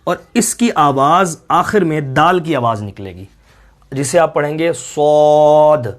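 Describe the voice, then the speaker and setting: A man with a fairly high voice gives a slow, step-by-step recitation lesson. He patiently stretches out each letter sound and repeats it for the learner. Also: expressive, fairly bright tone. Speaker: Quran reading teacher.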